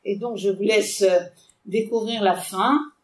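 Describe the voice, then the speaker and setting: A woman giving an animated book talk to an audience, with hesitations as she summarizes the plot. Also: mid-range voice, unhurried. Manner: animated, digressive, with frequent hesitations. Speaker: literature lecturer. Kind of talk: book talk with read-aloud excerpts. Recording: echoey room, mic far off.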